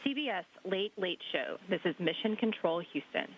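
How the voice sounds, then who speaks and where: A woman's voice: mid-range voice, expressive, normal speed. A woman calls over a radio transmission link from mission control, her words formal and clipped by protocol. The line is dull and lo-fi, with a faint hiss running under her voice.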